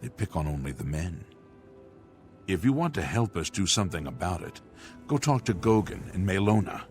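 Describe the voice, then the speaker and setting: A man's voice: sits low, expressive, normal speed, darkish tone, faint music behind. A man voicing a gossipy town guard in a video game, speaking in an insinuating, suggestive way. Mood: sly.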